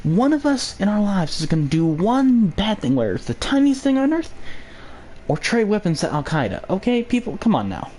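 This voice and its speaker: A man's voice: high-pitched, big pitch swings, normal speed, a little mellow. A young man hosting his own vlog, rambling through a sarcastic political rant full of jokey asides. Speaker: vlog host.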